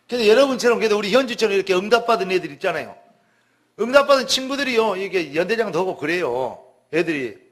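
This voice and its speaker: High-voiced man preaching emphatically. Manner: emphatic storytelling with exclamations. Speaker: pastor. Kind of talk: sermon testimony.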